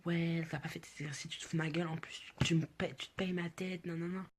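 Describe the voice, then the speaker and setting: A strict, former-soldier teacher loses his temper and scolds a student as a young storyteller mimics him. The voice jumps far above the speaker's own register, high and scolding. It has a husky, slightly rough edge. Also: flat delivery, quick pace, lightly acted. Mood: furious. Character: furious ex-army male English teacher.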